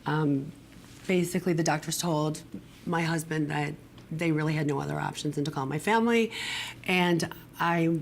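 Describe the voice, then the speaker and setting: A middle-aged woman with a raspy smoker's voice from damaged vocal cords, telling her personal story candidly as an interview guest. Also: sits low, normal speed, a little hiss or hum. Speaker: guest, acupuncturist and integrative medicine doctor. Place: broadcast studio.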